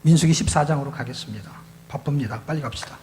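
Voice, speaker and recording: A man's voice: medium pitch, fast, darkish tone, in a large hall, slight background noise. A male pastor preaching at a youth retreat, explaining scripture in a conversational way, repeating key words and asking the audience questions. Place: church hall.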